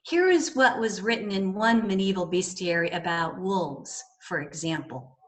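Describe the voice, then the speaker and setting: A woman minister giving a sermon in a measured, gently wry way. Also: mid-range voice.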